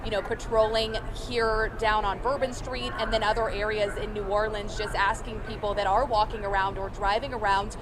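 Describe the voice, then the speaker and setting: A woman's voice: mid-range voice, level tone, moderate pace, few pauses. A woman giving a conversational live field news report from outdoors on a windy city street. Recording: windy street noise, clearly audible.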